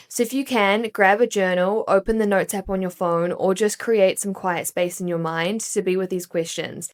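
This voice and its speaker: A woman from New Zealand in her thirties, hosting a wellness podcast in an upbeat, chatty and encouraging way. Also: mid-range voice. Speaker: podcast host. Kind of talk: solo wellness podcast talk.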